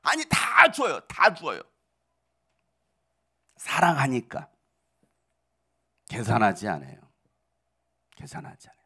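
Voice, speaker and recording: A man's voice: medium pitch, wildly swooping pitch, takes it slowly, pauses often, sharp tone, breathy edge. A middle-aged male pastor preaching a sermon, asking the congregation rhetorical questions and driving his points home with building emphasis.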